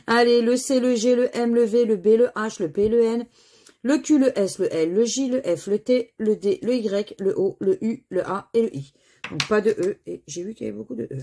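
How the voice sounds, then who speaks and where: A woman's voice: fairly high pitch, moderate pace, mellow. A woman with a French accent chatting to viewers while she scratches crossword lottery tickets and reads out letters and words.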